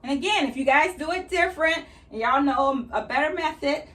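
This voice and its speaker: A woman's voice: high voice, brisk, a bit bright. A woman chatting casually as she explains each step of her gardening work. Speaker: gardening vlogger. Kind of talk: casual how-to chat while working. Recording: slightly distant mic.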